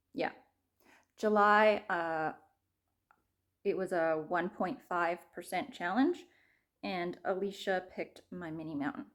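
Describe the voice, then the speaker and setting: A woman chats unhurriedly about her stitching projects, taking her time over every thought. She wanders off track, corrects herself and laughs at her own slips, her voice sometimes sinking to a near whisper. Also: mid-range voice. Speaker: cross-stitch vlogger. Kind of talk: casual show-and-tell.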